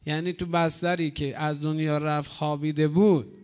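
A man preaching a mourning sermon, telling stories dramatically and swinging between hushed and loud passages. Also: fairly high pitch, flat delivery, smooth.

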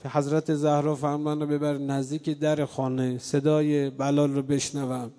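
A man preaching a mourning sermon to a live gathering indoors. He moves between soft storytelling and loud, drawn-out chanted lament. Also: fairly high pitch, flat delivery. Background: live congregation.

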